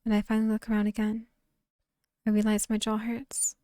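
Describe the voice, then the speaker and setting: A woman streamer narrating a dark story game aloud in quiet, tense first person, dropping to whispers at times. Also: mid-range voice, completely flat delivery, fairly quick, dry recording. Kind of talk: dramatic reading of a story game.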